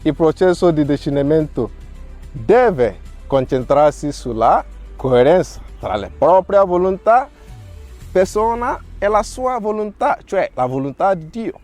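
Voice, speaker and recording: Man, priest, 30s, slightly high voice, very slow, earnest testimony. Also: expressive, darkish tone, soft background music. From Nigeria. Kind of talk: reading a prepared testimony.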